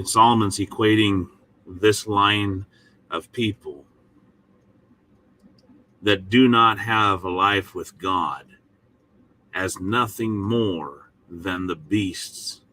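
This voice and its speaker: A man teaching the Bible in a short devotional, speaking in a folksy, emphatic manner with pauses between short phrases. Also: deep voice, sharp tone, a little hiss or hum.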